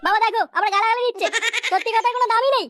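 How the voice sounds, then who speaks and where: Squeaky, fast cartoon voice. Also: female voice, fairly bright tone, dry recording, studio quality, faint music behind. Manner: brash, crude, squeaky. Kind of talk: cartoon comedy voice acting.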